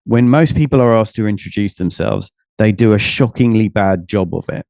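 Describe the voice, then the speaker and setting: A middle-aged man, a business coach talking on a podcast in an energetic, animated way, often acting out other people's lines. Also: normal speed, creaky, no echo. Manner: enthusiastic, animated, acts out quoted people with big pitch jumps. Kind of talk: energetic conversational interview.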